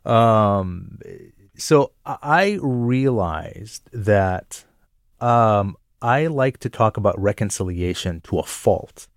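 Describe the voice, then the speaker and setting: Low-voiced man telling stories on radio. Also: animated, slow pace, no room sound, clean studio sound. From Jordan. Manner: thoughtful, self-reflective, laughs easily. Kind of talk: conversational radio chat, telling personal stories.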